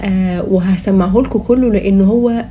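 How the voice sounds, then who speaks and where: A woman's voice: mid-range voice, moderate pace, warm tone, slight background noise. A woman with an Egyptian Arabic accent hosting a casual comedic podcast in a playful, mock-serious way. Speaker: podcast host.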